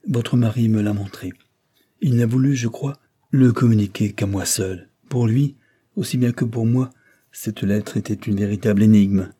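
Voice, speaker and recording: A man's voice: on the low side, moderate pace, warm tone, husky. A man reading an audiobook plays a stern older aristocrat, the count, who lectures and reproaches in a severe tone. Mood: reproachful.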